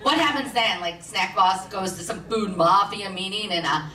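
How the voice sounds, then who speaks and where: A woman's voice: medium pitch, bright, forceful tone. A woman from Miami doing a brash, sarcastic stand-up comedy set on a theater stage. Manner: brash, sarcastic, quick punchlines. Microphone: stage microphone. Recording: distant roomy theater mic, audience noise.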